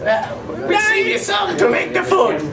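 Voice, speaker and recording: A woman voicing a flustered, goofy sock puppet chef, halting and scolding in an improvised comedy show. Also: extremely high pitch, very animated, a loud crowd, full character voice.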